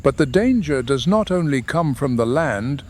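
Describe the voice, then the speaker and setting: A man narrating a scripted nature documentary in a measured, dramatic delivery. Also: medium pitch, animated, a little mellow, slight background noise. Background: background music.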